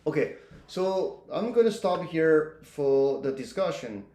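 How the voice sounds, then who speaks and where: A man with a fairly high voice lecturing on economics in an echoey room. He keeps asking "right?" and often restarts a phrase mid-sentence as he walks through the material. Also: big pitch swings, slow pace, mellow. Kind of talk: recorded lecture.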